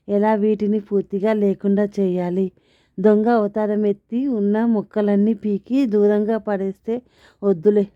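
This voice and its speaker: A woman narrates a comic family story in the first person, wry and expressive. Her voice sits in a middle pitch. The sound is thin and phone-like, with no room echo. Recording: tinny phone-like, dry.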